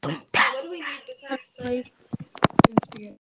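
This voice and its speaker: A young woman in casual chat with a friend, soft-spoken and playful. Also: high-pitched, animated, normal speed, very noisy.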